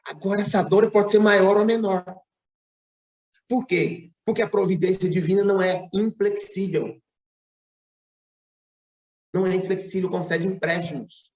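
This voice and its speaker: A man's voice: sits high, fairly even intonation, measured pace, pauses often, a little mellow, roomy sound, lo-fi sound. A Brazilian man giving a spiritist public lecture, telling a story with frequent asides and tag questions. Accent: Brazilian Portuguese. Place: lecture hall.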